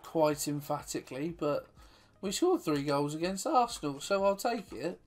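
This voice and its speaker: A man's voice: on the high side, normal speed. Man commentating his own football game. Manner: chatty, self-deprecating, bursts of excitement at goals. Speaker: gaming YouTuber. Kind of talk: live gameplay commentary.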